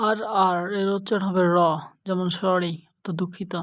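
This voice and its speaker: A young woman teaching an English lesson, going through letter pairs slowly and carefully. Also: fairly low pitch, flat delivery. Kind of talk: slow spoken lesson.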